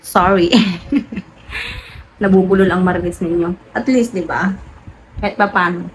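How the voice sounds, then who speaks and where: Chatty Filipina woman with a fan whirring. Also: measured pace. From Philippines. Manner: animated storytelling, laughs often, voice jumps high when excited. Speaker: vlogger. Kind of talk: casual chatty vlog. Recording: noisy home room with electric fan.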